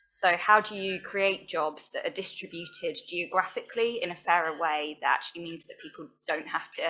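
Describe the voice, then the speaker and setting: A woman from Essex asking the panel a question from the audience, halting with fillers. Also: on the low side, bright, forceful tone, rough recording. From Essex, England. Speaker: audience member.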